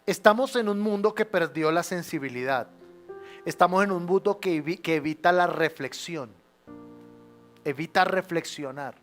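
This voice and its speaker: High-voiced preacher, loud then hushed. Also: male voice, moderate pace, soft background music. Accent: Colombian Spanish. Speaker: pastor. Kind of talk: sermon. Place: church sanctuary.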